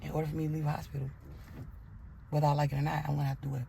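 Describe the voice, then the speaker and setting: Gravelly, profane woman telling her story. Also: deep voice, little pitch movement, rapid-fire, dark tone, slight background noise. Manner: blunt and profane, re-enacting angry outbursts. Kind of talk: candid personal storytelling.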